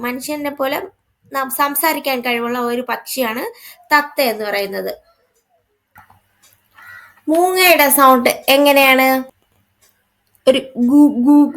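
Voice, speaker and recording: A woman, speaking in a fairly high voice as she teaches a first-grade workbook lesson. She goes through it patiently, asking questions and then answering them herself. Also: a bit bright.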